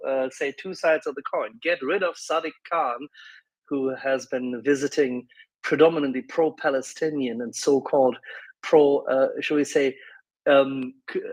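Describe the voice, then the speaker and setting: A man co-hosting a casual live discussion, wordy and halting, with ornate word choices. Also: medium pitch, fairly even intonation, no echo, rough recording. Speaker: co-host.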